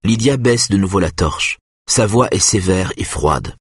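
A man narrating a suspense audiobook in a measured, tense way. His low voice is husky and breathy, and the recording is close and entirely dry, with no room sound. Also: expressive, dry recording.

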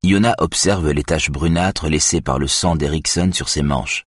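A man narrating an audiobook in a measured, even way. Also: rumbling low, slightly rough, dry recording, studio quality. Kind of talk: scripted narration.

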